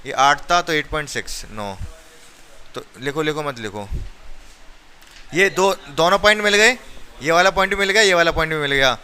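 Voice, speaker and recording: A man's voice: on the high side, expressive, normal speed, pauses often, pushed and bright, clear, resonant tone. A male maths teacher teaching a class step by step, counting aloud and urging his students. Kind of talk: classroom lesson.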